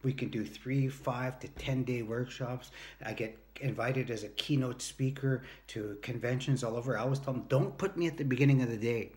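Few pauses break up this man's mid-range, darkish voice, which runs at a normal speed. The early-fifties motivational speaker and workshop leader speaks earnestly and emphatically straight to the camera, sharing anecdotes and playing out brief quoted exchanges. A phone or device at arm's length records him indoors beneath a sloped ceiling at home.

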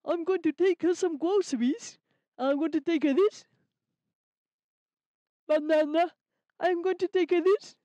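A woman's voice: extremely high pitch, measured pace, long pauses, dark tone, no echo. A woman voicing a cheerful, earnest young male rabbit in a children's puppet story, speaking in simple, careful sentences. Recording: slightly dull lo-fi sound.

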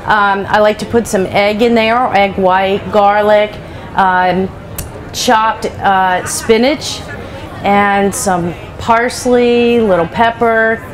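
A woman's voice: mid-range voice, fairly even intonation, takes it slowly, slight background noise. Chatty woman chef on a headset. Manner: chatty, practical, many "you know" asides. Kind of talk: live cooking demonstration. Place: stage at a large indoor trade show.

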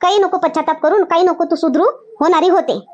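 Rural comedy skit: a woman as a scolding, protective mother, Varhadi Marathi accent, very high and fast. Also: steady tone, darkish tone, dull audio. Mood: firm. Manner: scolding, insistent, repeats points. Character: village mother, firm and protective of her daughter.

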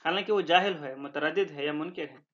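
A high-voiced man gives a classroom lecture on a religious text. His tone is bright and forward, and he explains each point step by step with pauses and fillers. The recording sounds dull and lo-fi. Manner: recites Arabic verses slowly, then translates. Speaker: religious teacher.

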